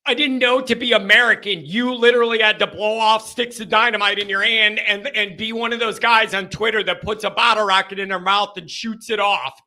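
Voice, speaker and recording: Bright-voiced ranting male show host. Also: high voice, a little fast, hardly any pauses. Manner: animated, exasperated ranting with mock outrage. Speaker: host of a sports call-in show. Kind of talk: casual live-stream rant.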